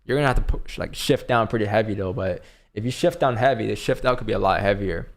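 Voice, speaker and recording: A man with a fairly low voice and a lot of vocal fry hosts a live stream. He gives casual commentary, thinking aloud in a loose, informal, rambling way. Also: fast. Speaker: live trading stream host.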